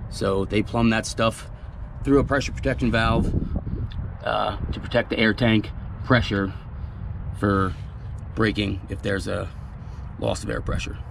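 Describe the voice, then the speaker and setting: A truck repair technician explains a trailer repair hands-on at an outdoor gravel lot near trailers, recorded with a body-worn camera amid background noise. He speaks plainly with many fillers in a lowish, creaky voice, keeping his intonation fairly even, his pace measured and his pauses long.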